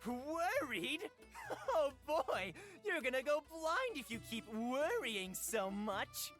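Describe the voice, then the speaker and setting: A woman's voice: high-pitched, sing-song, slow, a bit bright, soft background music, heavily acted. A woman voicing a cheeky male bard who mocks his friends in playful, theatrical, mock-archaic phrasing, read aloud from a visual novel. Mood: teasing. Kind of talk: voice acting while reading a visual novel on stream.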